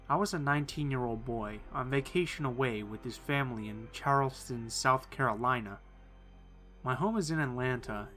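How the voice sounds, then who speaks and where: A man reading first-person horror stories in a calm, measured storytelling voice. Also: mid-range voice. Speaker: narrator. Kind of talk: scripted horror narration.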